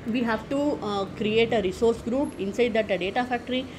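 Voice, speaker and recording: Woman walking through software steps. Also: a little high, fairly quick. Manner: methodical, step-by-step, frequent "okay" and "uh" fillers. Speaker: tech tutorial presenter. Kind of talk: screen-recorded software tutorial. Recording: noticeable background noise.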